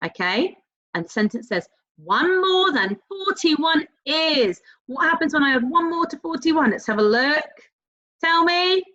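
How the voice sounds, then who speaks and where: A woman teaching a recorded primary school maths lesson, talking directly to young pupils in an encouraging, sing-song way with drawn-out key words and prompting questions. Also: sits high, very animated, bright, forceful tone. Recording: dull, lo-fi sound.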